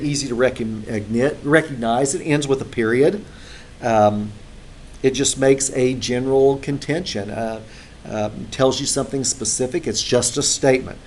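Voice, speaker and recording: A man's voice: medium pitch, slight background noise. Man lecturing a class on grammar. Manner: conversational, with frequent filler sounds. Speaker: instructor.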